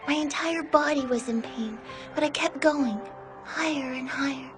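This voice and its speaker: A woman voicing a gentle, dreamy teenage schoolgirl in an anime dub, with a soft, airy, girlish voice. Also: high voice, normal speed, natural voice. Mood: wistful. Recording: music playing behind the voice. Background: music.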